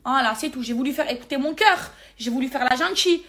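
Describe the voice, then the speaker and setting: A high-voiced woman vents to her followers in an irritated, emphatic rush. She repeats words and oaths to press every point, talking straight into a phone held close in a casual vlog. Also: fast, fairly bright tone. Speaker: social media personality.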